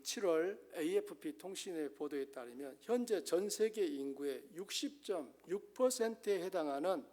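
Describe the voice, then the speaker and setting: A man preaching a Sunday sermon as pastor, earnest, swinging between emphatic rises and soft low asides.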